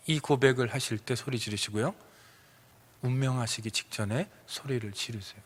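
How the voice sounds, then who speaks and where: A man preaching as a pastor, earnest, building to emphatic peaks and then dropping to soft low lines. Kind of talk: sermon. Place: church sanctuary. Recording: church sanctuary with long reverb.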